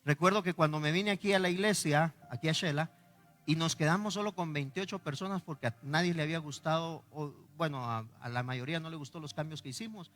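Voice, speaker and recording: A middle-aged pastor with a Guatemalan accent, preaching and spinning stories from his own life. His voice is bright and forceful and sits slightly high for a man. The sound carries a long reverb from a church hall. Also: fairly quick, soft background music. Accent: Guatemalan Spanish. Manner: animated storyteller acting out dialogue, laughing. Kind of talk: sermon with personal storytelling.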